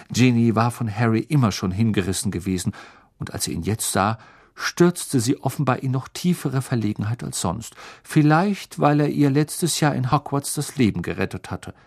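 Lively man reading a storybook aloud. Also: mid-range voice, gravelly, no echo, studio quality. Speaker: audiobook reader. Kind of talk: scripted narration.

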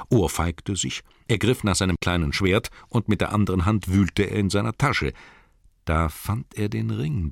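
Man reading a story aloud, deep and creaky, bouncy intonation. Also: no echo, clean studio sound. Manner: measured storytelling. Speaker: narrator. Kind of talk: audiobook narration.

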